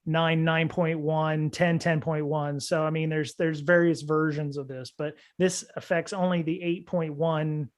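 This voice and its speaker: A man's voice: on the high side, level tone, unhurried, hardly any pauses. A man hosting a security podcast, talking casually and rambling with many fillers and restarts. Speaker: podcast host.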